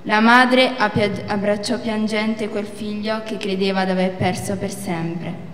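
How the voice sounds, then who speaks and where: A woman reading a story aloud at a live event, steady and expressive. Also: medium pitch, a little slow. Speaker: reader at a cultural event. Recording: echoey hall, faint background noise.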